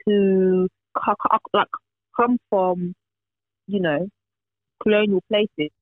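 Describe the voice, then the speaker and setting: High-voiced man on a tinny call. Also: fairly even intonation, slow, no echo. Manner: thoughtful, rambling, many fillers. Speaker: podcast co-host. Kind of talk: casual chat. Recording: tinny phone-like remote call.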